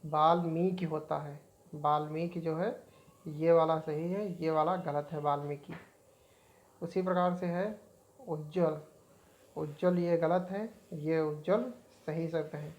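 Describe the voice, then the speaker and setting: A woman's voice: sits low, fairly even intonation, measured pace, a little mellow. A woman teaching an exam-prep spelling lesson, repeating each word as she points out right and wrong forms.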